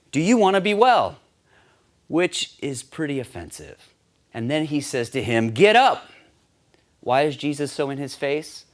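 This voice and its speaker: A man giving a scripted teaching talk on sharing faith, earnest and steady, lifting his voice when he acts out quoted lines. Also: medium pitch. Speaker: campus ministry teacher.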